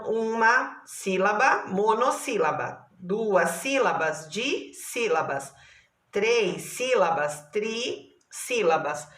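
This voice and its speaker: A Brazilian woman teacher talks her pupils through a lesson, slowly and patiently, stretching words out syllable by syllable. Her voice is bright and clear. The sound carries a noticeable room echo. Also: medium pitch. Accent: Brazilian Portuguese. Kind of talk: online class lesson.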